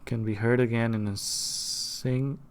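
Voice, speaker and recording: Laid back guy streaming a game, reads the text out real slow. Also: mid-range voice, clean tone. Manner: casual, reads game text aloud in a flat drawl. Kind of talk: let's play commentary and reading game text aloud.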